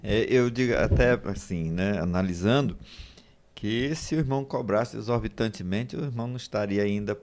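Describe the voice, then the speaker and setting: A man's voice: lowish voice, moderate pace, darkish tone, a little hiss or hum. A man hosting a podcast, affirming his guest and wrapping up the conversation in casual chat. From Brazil. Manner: affirming, wraps up with filler "né". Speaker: podcast host.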